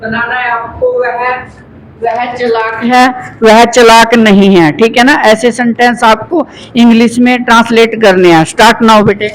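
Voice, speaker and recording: A man's voice: very high voice, little pitch movement, unhurried, slight background noise, poor audio. A man teaching English grammar to a classroom of students in Hindi with a Haryanvi accent, coaching them patiently and calling them "beta". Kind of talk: classroom lesson.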